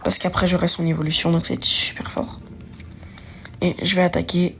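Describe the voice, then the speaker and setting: A woman's voice: on the low side, flat delivery, moderate pace, gravelly, slight background noise. A young woman chatting casually while she plays a card game, thinking aloud in slang and correcting herself as she goes. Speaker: gaming video creator. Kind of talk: casual let's-play commentary. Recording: faint music behind.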